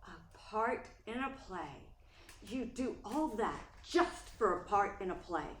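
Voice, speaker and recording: A composed, well-meaning wife of a playwright acted by a woman in a radio play. She speaks slowly and deliberately, with lively, high intonation. The room echoes around her. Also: lightly acted. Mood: indignant. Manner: measured, deliberate, theatrical. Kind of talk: stage-style radio play acting. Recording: roomy echo, faint noise.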